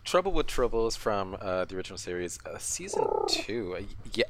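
A man's voice: lowish voice, big pitch swings, fairly quick, slight background noise. A man co-hosting a podcast, casually recapping an episode with many restarts and repeated words. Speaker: podcast co-host.

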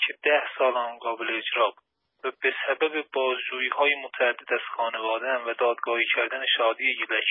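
A man leaving a voice message from prison over a tinny phone line. He reads a prepared appeal in a flat, even tone. His voice sounds husky and slightly rough. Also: medium pitch. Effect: voice message sent over a prison phone line. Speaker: jailed labor activist.

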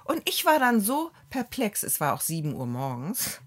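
A woman co-hosting a casual podcast chat, telling an everyday grievance in an indignant, animated way with repeated words for emphasis. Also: mid-range voice, normal speed. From Germany. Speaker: podcast co-host.

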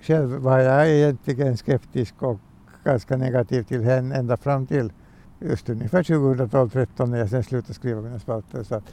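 Older man, mellow voice, measured answers. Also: medium pitch, fairly even intonation. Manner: measured, slightly hesitant, repeats words. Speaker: retired language columnist, guest. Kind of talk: thoughtful podcast interview answers.

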